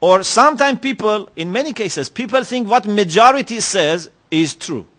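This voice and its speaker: A reflective man with a high, slightly bright voice and lively intonation gives a religious lecture in a lecture hall. He is a native Persian speaker, and his pace is measured, broken by many pauses and repeated "you know"s.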